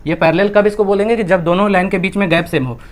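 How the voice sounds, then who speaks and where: A man's voice: high voice, fairly even intonation, quick pace. A young man with an Indian accent, a maths teacher working through textbook exercises step by step, mixing Hindi with English and asking and answering his own questions.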